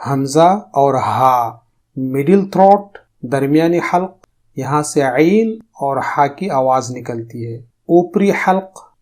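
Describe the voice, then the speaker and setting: Male teacher, somewhat high voice, patient explainer who stretches sounds out for practice. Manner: explains calmly, then drags out demonstration syllables slowly. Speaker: tajweed teacher. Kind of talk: recorded lesson.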